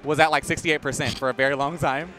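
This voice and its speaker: A young man with a bright, slightly high voice in easygoing match commentary. He explains his points thoughtfully and laughs easily. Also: steady tone, fast talker, faint music behind. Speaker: esports commentator.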